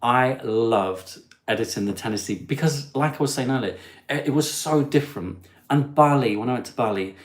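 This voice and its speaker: A man hosting a live stream, chatting and reading out viewer comments in a warm, self-deprecating way. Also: medium pitch, moderate pace, echoey room. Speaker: host. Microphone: phone.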